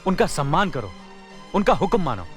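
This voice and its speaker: Earnest young brother Arjun. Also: male voice, fairly high pitch, big pitch swings, moderate pace, faint music behind. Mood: stern. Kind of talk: 1990s Hindi film dialogue.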